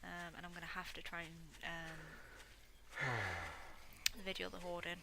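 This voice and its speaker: A woman's voice: on the low side, flat delivery, unhurried, vocal fry. Chatty woman, noisy recording. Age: young adult. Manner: chatty, self-mocking, mutters quietly to herself at times. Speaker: gameplay video host. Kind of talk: casual gameplay commentary.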